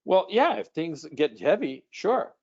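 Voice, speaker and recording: A man's voice: a little high, very animated, measured pace, a little mellow. Blunt, casual man coaching callers in a live webinar, slightly lo-fi sound. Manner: blunt, casual, swears freely.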